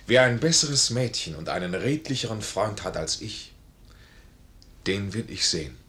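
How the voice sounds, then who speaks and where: An actor playing a proud, earnest, passionate army major with formal, intense diction in a 1950s German radio play. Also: male voice, fairly low pitch, expressive, moderate pace, fairly bright tone. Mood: moved. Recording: roomy 1950s radio studio recording.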